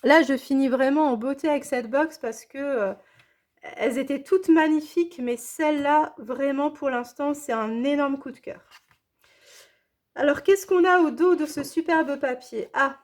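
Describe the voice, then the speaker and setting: A woman's voice: sits high, a little slow. A woman chatting casually as she unboxes scrapbooking supplies, gushing and repeating her praise with enthusiasm. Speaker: scrapbooking vlogger.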